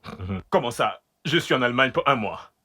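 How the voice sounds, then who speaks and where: Husband figure, male, husky and lively in pitch, bewildered and questioning; for a film. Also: normal speed. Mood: puzzled. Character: puzzled husband caught in his wife's lie. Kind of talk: French film dub.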